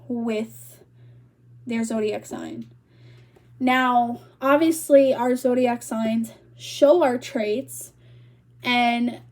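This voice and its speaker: A woman's voice: high-pitched, darkish tone. A young woman vlogger chatting casually to camera, rambling and filling her talk with "like", a little out of breath. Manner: rambling, full of "like" fillers.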